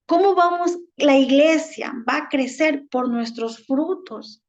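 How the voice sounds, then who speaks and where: A woman's voice: sits high, takes it slowly. A woman minister with an Ecuadorian accent, preaching a sermon and asking rhetorical questions. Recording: dull lo-fi recording.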